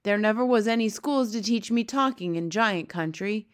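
A woman's voice: mid-range voice, moderate pace, natural voice. A woman voicing a very old, kindly male giant who talks with mangled grammar and made-up words. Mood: rueful.

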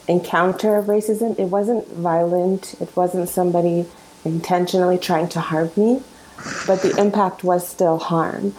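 Thoughtful low-voiced woman from Canada. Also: mellow, a little hiss or hum, poor audio. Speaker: panel participant. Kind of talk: reflective personal account.

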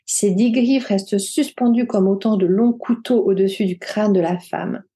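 A woman retells an old folk tale for a podcast, her voice mellow and warm at a middle pitch. She tells it gently and without hurry, with small pauses and hesitations here and there. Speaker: podcast storyteller.

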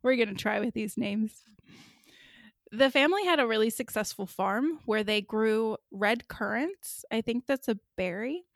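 A woman's voice: on the high side, animated, a little slow, gravelly, no room sound, clean studio sound. A woman co-hosting a podcast, telling a weird story in a casual, chatty way with careful enunciation. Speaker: podcast co-host.

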